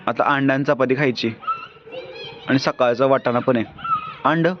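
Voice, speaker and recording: A woman's voice: very deep voice, fairly even intonation, moderate pace. A woman talking casually with her small children in a home vlog, alternately scolding and coaxing them. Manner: scolding, coaxing, fussing over small kids. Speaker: family vlogger, parent. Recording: dull lo-fi sound with loud outdoor noise.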